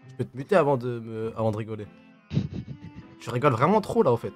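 Teasing French streamer with lively, quick speech. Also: male voice, medium pitch, soft background music. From France. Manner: teasing, mock-serious, bursts into loud fake outrage. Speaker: streamer host. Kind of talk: casual voice chat.

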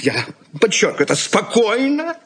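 An actor in a Soviet radio drama plays an irritable, practical middle-aged husband and father who lectures condescendingly in a brusque mood. He uses a full character voice that is high and husky, with huge pitch swings at a moderate pace.

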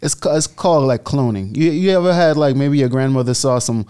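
Smooth-voiced Bahamian man telling a story. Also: mid-range voice, fairly quick. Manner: relaxed storytelling, gestures while talking. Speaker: guest entrepreneur. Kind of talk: casual podcast interview. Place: studio set with leather armchairs. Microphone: boom-arm studio mic.

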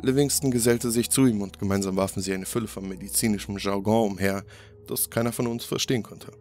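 A man reads a horror story in a steady, grave narrating voice. His pitch sits on the low side, and soft music plays faintly under him.

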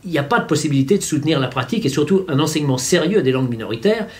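Speaking rapid-fire in a fairly high, expressive voice, this man in his fifties delivers wry, didactic opinion commentary. He films his vlog in a small furnished room at home.

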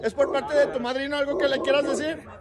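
A man with a Mexican accent, a costumed entertainer shouting jokes and birthday greetings on a neighborhood street. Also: flat delivery, fast talker, a crowd in the background. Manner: shrill, shouting, joking in street slang. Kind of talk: street prank-style greeting vlog.

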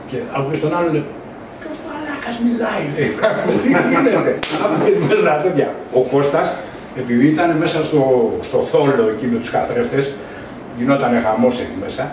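Man reminiscing, echoey room. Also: fairly high pitch. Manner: relaxed, laughing recollection. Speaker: musician, guest. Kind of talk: casual reminiscing. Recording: echoey room, distant mic, noisy.

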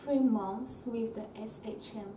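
A young woman from Madagascar answering interview questions softly, searching for words. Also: fairly high pitch, fairly even intonation, unhurried. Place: small dormitory bedroom. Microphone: far camera. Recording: roomy, distant, noisy.

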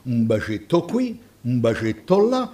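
Male reader as a bragging old cabbie, rambling, chuckling, lively pitch. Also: a little slow. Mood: boastful. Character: crude, chatty older male taxi driver, grandfather.

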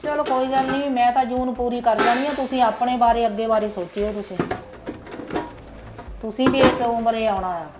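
A woman's voice: a little high, steady tone, normal speed, heavy background noise, lightly acted. A woman with a Punjabi accent playing an elderly mother who complains about her son and daughter-in-law. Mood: resigned. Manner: complaining, self-pitying. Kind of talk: family drama acting.

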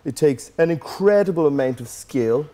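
Boisterous laddish young man, mellow voice. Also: a little high, animated, moderate pace. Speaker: comedian guest. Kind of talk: comic in-character banter. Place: studio set with sofa.

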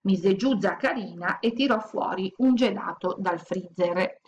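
A woman's voice: medium pitch, unhurried, lo-fi sound, a little hiss or hum. Woman reading a children's story. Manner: calm, expressive storytelling. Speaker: audiobook narrator.

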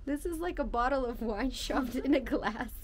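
A young woman travel vlogger chats playfully outdoors, mostly on a porch, in a garden, and along the street, with background noise around her. Her voice sits high and moves at a normal speed. She records casual vlog talk on a camera held at arm's length, sometimes switching to a small handheld mic.

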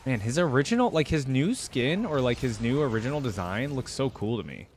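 His mid-range voice swings widely in pitch and runs a little fast. This young adult reaction video host muses aloud in casual gameplay commentary, speaking into a close desktop microphone with headset over clear background noise.

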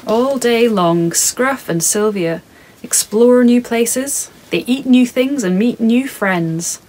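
With a slightly high voice, a woman in her thirties reads her picture book to children softly, calmly, and in a measured way. The home-studio recording is poor, with a little hiss or hum.

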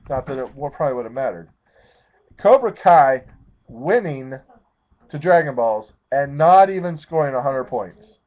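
A man in his thirties, the commissioner of a fantasy football league, gives an excitable, rambling league recap, correcting himself as he goes in a mid-range voice at a moderate pace. He sits in a leather chair in a small room at home, and the webcam audio sounds tinny and phone-like.

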